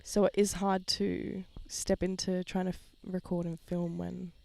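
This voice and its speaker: A young woman co-hosting a podcast in casual chat, earnest and explaining things plainly, her voice hoarse from being sick. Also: lowish voice, flat delivery, measured pace, mellow. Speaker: podcast co-host. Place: outdoors, lying in a hammock.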